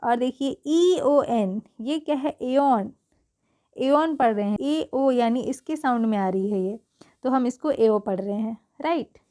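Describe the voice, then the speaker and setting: Speaking high and mellow at a measured pace, a woman walks through English pronunciation rules with patience. She spells each word letter by letter in this spelling-rule lesson and keeps confirming the listener understands.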